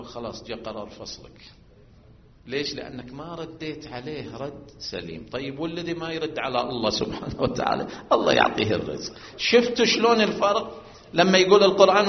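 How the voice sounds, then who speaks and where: A man preaching a sermon, moving from quiet storytelling to loud, drawn-out chanted emphasis. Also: mid-range voice, vocal fry, a little hiss or hum. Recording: muffled, echoey hall recording.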